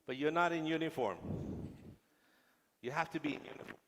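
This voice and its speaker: High-voiced man teasing a lecture hall. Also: fairly quick, creaky, noisy background. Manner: joking, teasing, audience-interactive. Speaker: guest lecturer. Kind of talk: public lecture to police officers. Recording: long hall reverb.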